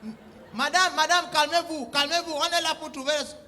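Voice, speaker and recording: Very high, bright-voiced comic man. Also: moderate pace, slight background noise. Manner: bossy, scolding and animated, with mock-official phrasing. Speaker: comedian. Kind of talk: comic one-sided phone-call sketch.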